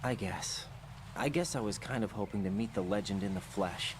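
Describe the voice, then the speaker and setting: A man's voice: lowish voice, normal speed, noisy background, close to an everyday voice. A man playing a young covert agent in a video game, his hopeful eagerness turned to sour disappointment. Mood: let down, disappointed. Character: young male covert agent, earnest, hopes deflated into disappointment.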